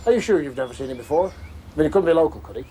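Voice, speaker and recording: An actor playing a patient, shrewd police inspector, questioning dryly. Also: male voice, fairly high pitch, animated, racing, warm tone, slight background noise, close to an everyday voice, low-quality recording. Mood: calm, probing. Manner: probing, dry questioning. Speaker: detective chief inspector. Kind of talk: TV detective drama acting.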